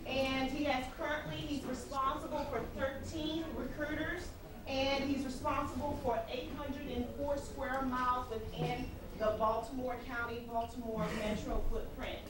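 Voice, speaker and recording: A woman with a high voice makes event introductions as host. She is picked up from a distance in a very echoey, noisy room. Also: level tone, moderate pace. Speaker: host introducing army recruiters.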